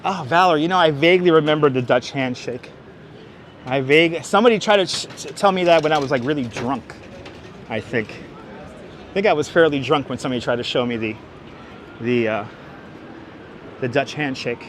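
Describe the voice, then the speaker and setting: A man's voice: fairly high pitch, moderate pace, long pauses. A man with a thick Brooklyn accent chatting casually to viewers as he hosts a live walking tour outdoors in the city. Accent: thick Brooklyn, New York. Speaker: livestream walking tour host. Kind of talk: casual live-stream chat and street commentary. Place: outdoors on busy Manhattan streets, walking. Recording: clear city traffic noise outdoors. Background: street ambience and vehicles.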